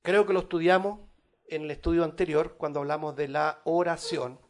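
A man preaching a Bible study sermon, addressing his listeners as brothers, growing loud on scripture and dropping quiet on asides. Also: fairly even intonation, normal speed. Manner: rises in volume on scripture, drops low on asides. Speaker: pastor.

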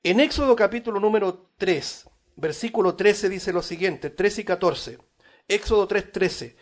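A man preaching a Bible study sermon, addressing his listeners as brothers, growing loud on scripture and dropping quiet on asides. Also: a little slow. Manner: rises in volume on scripture, drops low on asides. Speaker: pastor.

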